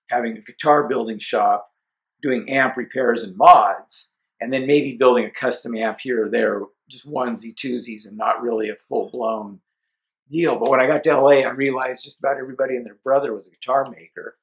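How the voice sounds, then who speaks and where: In a laid-back interview, a middle-aged amp builder from Seattle shares the story of his beginnings, dramatizing quoted lines from himself and others. His voice is mid-range, and the audio quality is poor.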